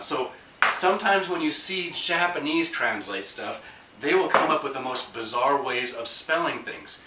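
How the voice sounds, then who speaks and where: A man hosting a podcast, giving a rambling, joking lesson full of fillers and asides. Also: mid-range voice. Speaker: podcast host teaching Japanese. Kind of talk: casual spoken lesson. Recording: roomy, distant from the mic, faint background hum.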